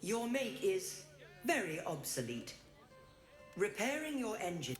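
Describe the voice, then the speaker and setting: A woman's voice: mid-range voice, very animated, slow, roomy sound, faint music behind. A woman playing a cold mechanical sentry in a video game, with formal, clipped, officious speech. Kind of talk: video game character acting.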